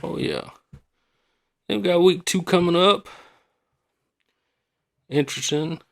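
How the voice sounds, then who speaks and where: A man's voice: high voice, slow pace, creaky. A man hosting a podcast in a casual, rambling, colloquial way, often repeating himself. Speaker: podcast host.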